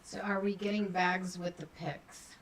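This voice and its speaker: Lower-voiced woman reading viewer questions. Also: fairly even intonation, a little slow, a little hiss or hum. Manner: brief, reads out questions. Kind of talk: casual livestream chat.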